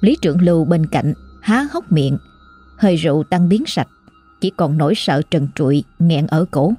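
A woman storyteller reading a horror story aloud in a slow, suspenseful way. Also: deep voice, expressive, warm tone, husky, faint music behind. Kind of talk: scripted horror story narration.

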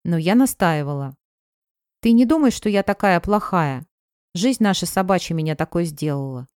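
Woman reading a worried, defensive female friend, emotional, self-justifying, lowish voice, dry sound. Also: animated, normal speed, darkish tone, clear, resonant tone, no room sound, close to an everyday voice.

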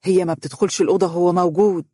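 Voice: mid-range voice, level tone, racing, warm tone, husky, no room sound, lightly acted. Narrator playing a firm, reproachful older mother. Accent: Egyptian Arabic. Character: protective stern older mother.

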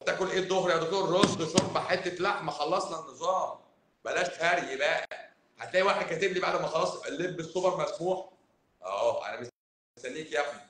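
Fast-talking Egyptian man, echoey room. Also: a little high. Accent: Egyptian Arabic, Cairo. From Cairo, Egypt. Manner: emphatic, blunt, swings between loud and hushed. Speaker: doctor. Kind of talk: livestream talk answering viewers.

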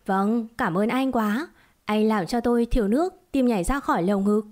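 A woman's voice: on the high side, normal speed, a little mellow, close to an everyday voice. A woman voicing an anxious, fiery young mother who scolds sharply, in a storybook reading. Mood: sarcastic.

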